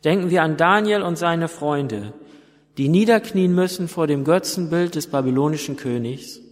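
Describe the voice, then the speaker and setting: A man preaching a sermon, retelling stories slowly and emphatically with dramatic pauses. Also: a little high. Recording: long hall reverb.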